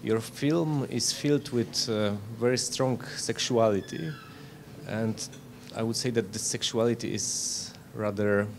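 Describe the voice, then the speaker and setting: A man asking interview questions in a halting, deliberate, analytical way. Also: mid-range voice, fairly even intonation, vocal fry. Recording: background noise.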